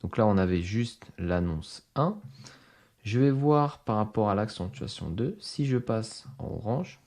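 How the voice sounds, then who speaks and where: A man walking viewers step by step through a software screen-recording tutorial as instructor, explaining each setting directly to them. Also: on the low side, expressive, measured pace. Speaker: online course instructor.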